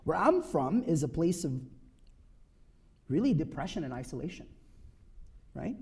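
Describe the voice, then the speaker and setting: His voice slightly high, sing-song, dark and a bit rough, a Filipino man in his thirties speaks earnestly to an audience in a personal talk. He stresses his points and keeps checking in with a quick "right?".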